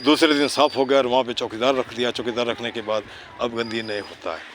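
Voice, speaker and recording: A man's voice: mid-range voice, steady tone, fast, a bit bright, slight background noise. Man teaching kids outdoors, full of tag questions. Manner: checks understanding with constant tag questions; mixes English words and phrases into Hindi. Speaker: neighbourhood cleanliness volunteer teaching children. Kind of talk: casual outdoor teaching chat. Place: outdoors near a city park.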